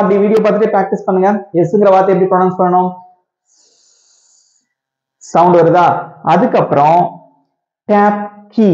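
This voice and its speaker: Guy teaching pronunciation, repeats sounds again and again, keeps asking okay right, mellow voice, echoey room. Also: high-pitched, muffled recording. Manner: drills words by repeating them, checks in with "okay" and "right". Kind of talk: classroom-style pronunciation lesson.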